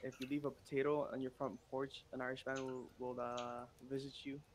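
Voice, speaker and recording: A man's voice: medium pitch, level tone. Man telling a joke over a noisy mic. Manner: rambling storyteller, halting fillers. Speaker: streamer host. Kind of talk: casual chat, telling a joke.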